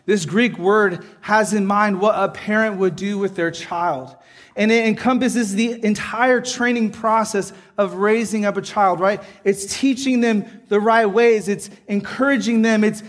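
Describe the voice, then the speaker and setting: A man preaching a sermon earnestly, often checking in with the listeners by asking "right?". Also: high voice. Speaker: pastor.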